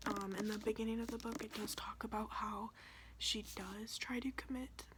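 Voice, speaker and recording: Female, whispered role-play as a librarian, higher-pitched, informal and halting, clear background noise. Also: fairly even intonation. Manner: whispering like a librarian recommending books.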